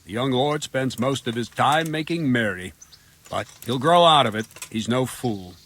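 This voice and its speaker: Acting out video game dialogue, a man voices a plainspoken, dutiful guard captain who grumbles a bit while delivering information bluntly and matter-of-factly. His mid-range voice is expressive and slightly bright, at normal speed.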